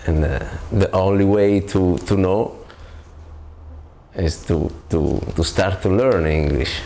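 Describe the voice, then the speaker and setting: A man from Italy with a strong Italian accent, answering interview questions hesitantly and filling pauses with lots of ums and uhs. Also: low voice, dark tone. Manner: hesitant, many fillers. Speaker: bassist interviewed.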